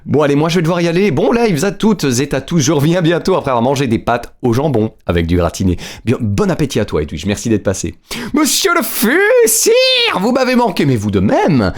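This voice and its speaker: A man's voice: mid-range voice, big pitch swings, quick pace, hardly any pauses, a little mellow. A male streamer giving nervous live commentary on a horror game, talking to himself, repeating words and greeting his chat.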